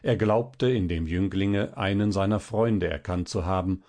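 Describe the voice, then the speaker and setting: A man narrating a classic tale as an audiobook in a measured, steady way. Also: sits low.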